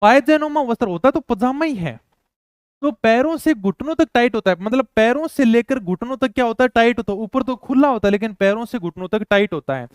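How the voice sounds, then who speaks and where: High-voiced Hindi teacher repeating key terms. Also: male voice, expressive, fairly quick, smooth, dry recording, clean studio sound. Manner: repetitive, explains terms again and again, asks and answers his own questions. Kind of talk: exam-prep lecture.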